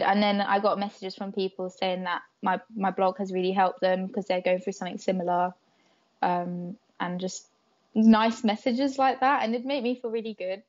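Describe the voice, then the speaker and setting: Speaking at a normal speed in a medium-pitched, level, somewhat dark voice, a young Croatian-native woman is interviewed casually on a podcast. Her hesitant, filler-laden speech is often broken by laughter. The audio is dull and lo-fi.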